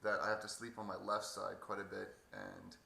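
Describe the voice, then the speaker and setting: Gravelly low-voiced man, sore throat after surgery. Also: sing-song, bright, forceful tone. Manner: halting, hesitant delivery. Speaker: patient vlogger. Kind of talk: casual video update. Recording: echoey room, faint background noise.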